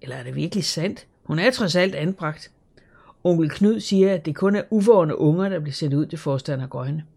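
Measured audiobook narrator. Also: mid-range voice, creaky, darkish tone, slightly rough. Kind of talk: scripted narration.

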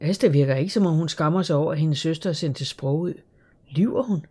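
An audiobook narrator reading a story in an even, measured way. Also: medium pitch, husky. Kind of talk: scripted narration.

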